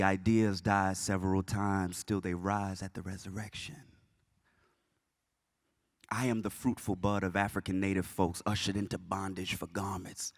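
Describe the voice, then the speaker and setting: A man from the South Carolina Low Country performing spoken word poetry in a rhythmic, chanting delivery. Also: no echo, clean studio sound.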